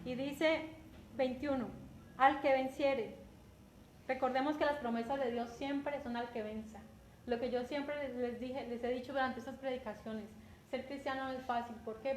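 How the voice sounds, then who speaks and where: Una mujer con acento colombiano que predica un sermón en tono conversacional, repitiendo palabras y preguntando a menudo «¿cierto?». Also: female voice, on the high side, darkish tone. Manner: conversational, repeats words, often asks "¿cierto?". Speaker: preacher. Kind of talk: sermon. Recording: echoey room with faint background noise.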